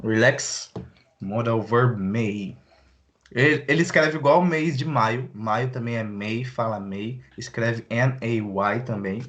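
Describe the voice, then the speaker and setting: A young man from Brazil teaching English online, easygoing and slangy, slowing down to model English phrases. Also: mid-range voice, fairly bright tone. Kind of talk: live online English lesson.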